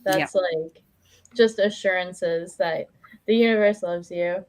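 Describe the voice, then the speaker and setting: Speaking slowly in a fairly low voice, a woman reads tarot live as a guest, keeping things chatty and informal while feeling her way with hesitant phrasing and frequent "like"s.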